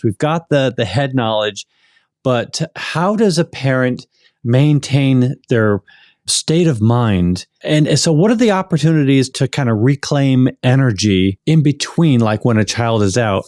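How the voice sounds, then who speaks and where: A man hosting a podcast, asking the guest thoughtful questions in a measured way. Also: mid-range voice, a little mellow, dry recording, clean studio sound. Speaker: podcast host. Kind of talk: interview questions.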